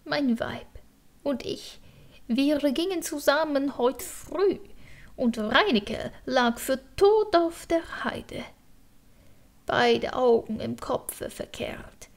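Woman reading as a mournful talkative crow, hushed and breathy, very slow, high, audiobook verse. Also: expressive, heavily acted. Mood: lamenting.

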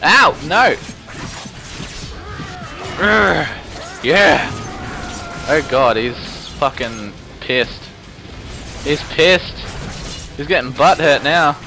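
Slow, trash-talking gameplay commentator man. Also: fairly high pitch, vocal fry, music in the background. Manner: profane, trash-talking and excitable.

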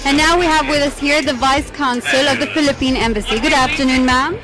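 A woman interviews guests outdoors, asking eager questions into a handheld mic. She speaks high and quickly. Music plays clearly behind her. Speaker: event interviewer. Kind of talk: event interview. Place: outdoor embassy courtyard. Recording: background music.

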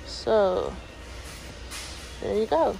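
A woman's voice: medium pitch, huge pitch swings, very slow, creaky, over music. A young woman with a son, chatting casually as she browses aisles and reads out items and prices, recorded on a handheld phone in a large store. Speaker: shopping vlogger. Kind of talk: casual shop-with-me narration. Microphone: handheld phone camera. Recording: noisy phone audio in a busy store. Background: store ambience and noise.

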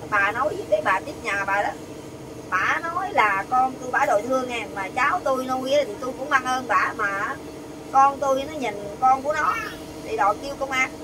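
An older woman tells her story in animated, rapid bursts. She acts out other people's words as she goes. Her high voice is caught from some distance away. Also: background noise. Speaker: interviewee. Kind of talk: heated storytelling.

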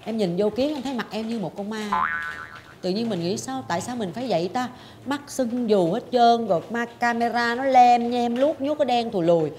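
A woman in her forties speaks with a fairly high voice. She tells a personal story in a dramatic, animated way and acts out her own past thoughts, with a faint hiss of noise behind her. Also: brisk. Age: 40s. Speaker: talk show host. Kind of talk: confessional storytelling chat.

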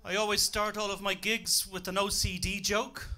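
At a comedy club, a young man with a high voice and a Dublin accent performs stand-up at normal speed, mic in hand. Hailing from Ireland, he keeps a dry, deadpan manner, slipping in jokes at his own expense.

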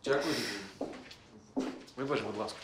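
An actor playing a jealous, agitated husband in a TV drama, questioning insistently. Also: male voice, mid-range voice, a little slow, close to an everyday voice. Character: jealous, agitated husband, middle-aged man. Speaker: husband, former footballer. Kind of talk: TV drama acting.

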